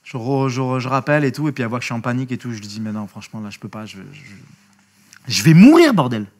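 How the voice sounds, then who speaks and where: Talking very fast at a medium pitch, a male interview guest spins a lively, casual story peppered with slang and swearing, restarting his sentences again and again.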